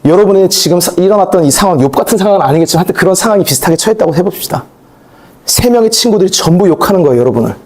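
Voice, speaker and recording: A male pastor preaching a sermon in a conversational, animated way, with asides and acted-out quotes. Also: sits high, racing.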